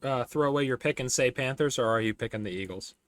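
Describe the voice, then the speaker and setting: A man's voice: mid-range voice, quick pace, dry recording, studio quality. A man hosting a casual sports podcast, running through game picks with lots of fillers and restarts. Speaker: podcast host.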